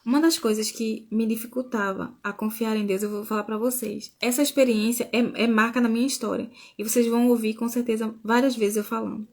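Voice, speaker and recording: A woman's voice: a little high, steady tone, brisk, hardly any pauses. A woman from Brazil, sharing a faith testimony in a casual live stream and often saying "né?". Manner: informal, with frequent restarts and "né?".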